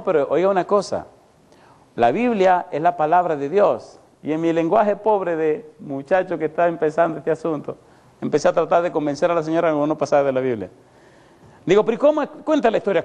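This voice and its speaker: Middle-aged man, a pastor with a slightly high voice, preaching to a live crowd in a big hall, telling a story, animated, with sudden loud high bursts and low asides. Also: normal speed, dull audio. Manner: animated storytelling, acts out voices and sound effects. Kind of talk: sermon with a lively personal story. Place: large church hall before an audience that laughs.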